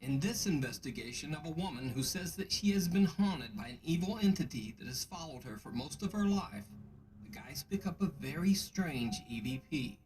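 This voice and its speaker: A man's voice: on the high side, lively intonation, rough recording. Man narrating creepy stories over noise. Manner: measured, hushed storytelling delivery. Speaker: narrator of a scary video countdown. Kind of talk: scripted narration.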